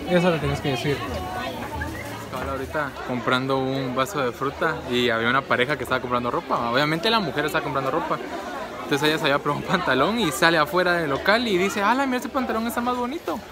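A man's voice: mid-range voice, quick pace, a crowd in the background, noisy background. A young man from Guatemala, chatting casually in a rambling vlog full of fillers and restarts while out and about. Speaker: vlogger. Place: out and about, market and home.

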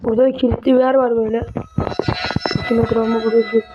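Jumpy high-voiced woman gamer. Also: level tone, very fast, lo-fi sound. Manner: jumpy, mutters to herself, swears when startled. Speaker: gamer playing a horror game. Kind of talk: casual horror game commentary. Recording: noisy home recording.

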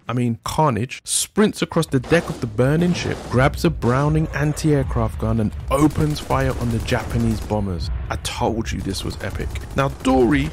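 A man's voice: medium pitch, creaky, slight background noise. A man hosting a podcast, narrating history from a script with wry, sardonic asides. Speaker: podcast host.

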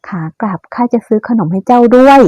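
A woman voicing a clever young wife and fortune teller, coaxing and quick. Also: fairly high pitch, dark tone, dry recording, voice pushed up, natural voice.

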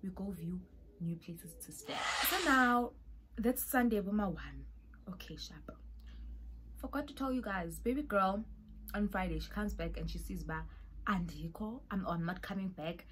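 A woman's voice: medium pitch, animated, normal speed, a bit bright, a little hiss or hum. A young woman with a South African accent telling a dramatic storytime vlog, with whispered asides. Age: young adult. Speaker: vlogger.

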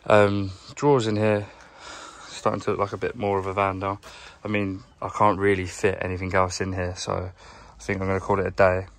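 A young man with a low, gravelly voice chats in a flat, offhand ramble. He sounds like a tradesman filming himself on a handheld phone while sorting his van. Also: moderate pace. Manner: chatty, rambling, low-key. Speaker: plumber vlogger. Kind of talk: casual vlog narration while working. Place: inside a work van, outdoors nearby. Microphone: handheld phone camera.

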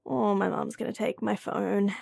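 In an audio roleplay, a voice actress plays a young woman teasing her childhood friend while hiding a crush, switching between whispered inner thoughts and playful banter. Her mid-range voice has little pitch movement and normal speed, creaky, darkish and slightly rough, in a mood of playful teasing.

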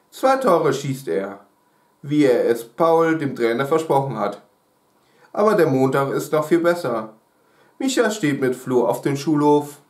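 A man reading a children's book aloud in chapters, calm and unhurried, with casual asides. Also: medium pitch. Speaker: storyteller. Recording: roomy echo.

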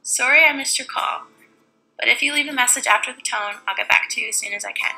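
A woman's voice: a little high, fast talker, vocal fry, poor audio. A woman speaking a polite, scripted voicemail greeting. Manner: polite, scripted greeting read over a guitar track. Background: soft guitar music.

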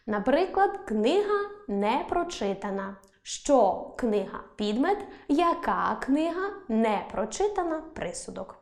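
Woman teacher with a higher voice, careful scripted delivery, slows down on example words, roomy echo. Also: sing-song, darkish tone. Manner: clear, slow dictation of example words. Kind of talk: scripted online lesson. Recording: echoey room.

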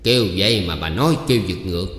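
A gruff, teasing old village elder, voiced by a male audiobook narrator. His voice is low-set and blustering. It echoes in a reverberant room. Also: animated, fast talker, a bit bright. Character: gruff older village elder, sharp-tongued husband.

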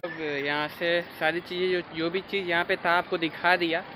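A young male travel vlogger walks through a crowded lakeside park, chatting to viewers and pointing things out while holding his phone at arm's length. His voice is high-pitched with fairly even intonation at a moderate pace, and loud crowd chatter and music surround him.

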